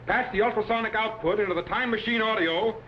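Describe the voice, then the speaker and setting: Authoritative time-machine captain and mentor played by a man, higher-pitched, vintage serial style, dull noisy sound. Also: fast, lightly acted. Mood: urgent command. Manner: authoritative, explanatory. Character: commanding, resourceful time-travelling captain and mentor. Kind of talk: 1950s television adventure serial acting. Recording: muffled old broadcast with faint noise.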